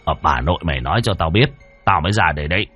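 A man's voice: low-pitched, animated, very fast, husky, dull audio, soft background music, pitched below the performer's own voice. A man voicing an elderly grandfather who speaks curtly and urgently. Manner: curt, urgent. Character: gruff elderly grandfather, brisk.

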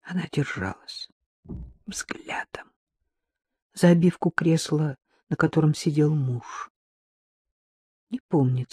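A woman narrating a literary novel in a measured, emotional way, slowing on key phrases. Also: deep voice, warm tone, breathy edge, dry recording, studio quality. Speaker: audiobook narrator.

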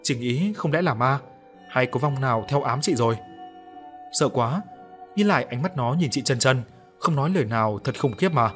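A man narrating a horror story in a steady, dramatic reading style. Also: medium pitch, normal speed, soft background music. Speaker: audiobook narrator.

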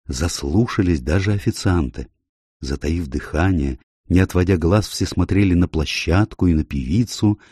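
A man reading an audiobook aloud with steady, expressive narration. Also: low-pitched, breathy edge, no echo, studio quality.

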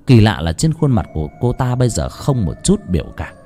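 A man narrating a horror story in a dramatic, expressive way. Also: on the low side, a little fast, soft background music.

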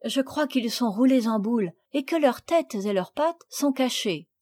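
Woman doing gentle sensible little girl. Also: on the high side, lively intonation, unhurried. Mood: earnest.

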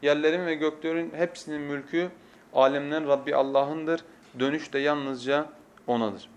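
A man preaching from a pulpit microphone, teaching with passion and moving from hushed tones to emphatic oaths, with quick scriptural recitation. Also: a little high, fairly even intonation, highs cut off. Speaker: preacher teaching a lesson series. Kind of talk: sermon lecture.

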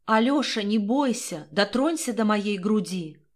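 A woman voicing the ghost of a dead young woman, slow, calm and coaxing. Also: mid-range voice.

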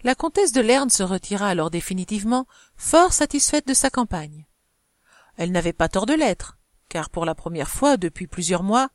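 A woman narrating a classic novel in a measured, expressive audiobook reading. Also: medium pitch, no echo, studio quality.

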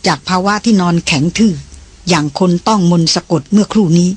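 An audiobook narrator reading a novel in a measured, unhurried way, with a husky voice. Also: mid-range voice. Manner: measured and unhurried, with drawn-out phrases.

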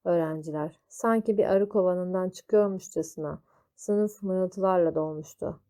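A woman reading a children's story aloud, slow and deliberate. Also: fairly low pitch, warm tone.

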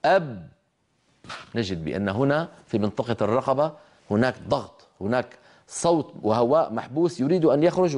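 Brief: male tajweed teacher, mid-pitched, patient, models each sound for the class. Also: darkish tone. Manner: patient, demonstrates letter sounds aloud; asks listeners to repeat after him. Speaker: Quran recitation teacher. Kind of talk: televised tajweed lesson.

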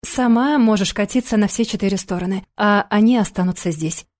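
A woman's voice: mid-range voice, a little fast, darkish tone, close to an everyday voice. Stern father, read by a woman. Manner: curt, growling. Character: stern protective father, a grown man.

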